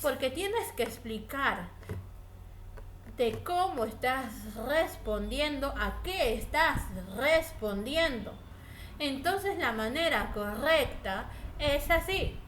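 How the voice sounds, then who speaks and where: A woman teacher giving a recorded reading lesson, speaking clearly and directly to her students. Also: high voice, expressive, a bit bright. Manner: slow, clear, instructive, addresses students directly. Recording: echoey room with faint ambient noise.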